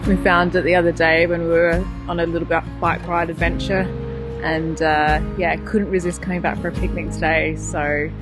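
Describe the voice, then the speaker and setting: A woman's voice: lowish voice, flat delivery, normal speed, low-quality recording. A woman in her thirties, a sailing vlogger, chatting enthusiastically while cycling along an island coast, filming herself with a camera at arm's length. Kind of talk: casual vlog chat. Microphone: camera held at arm's length. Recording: music playing under the voice.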